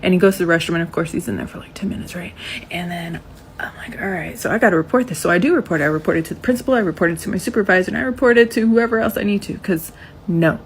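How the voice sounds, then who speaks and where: Woman, ex-school nurse, candid storytime, blunt and animated, swears, slightly low voice. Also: very fast, a little hiss or hum. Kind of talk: casual storytelling to camera.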